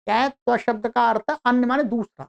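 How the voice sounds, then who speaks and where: A woman teaching an online grammar lesson, explaining slowly and repeating her own questions to the class. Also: on the high side, steady tone, vocal fry, muffled recording.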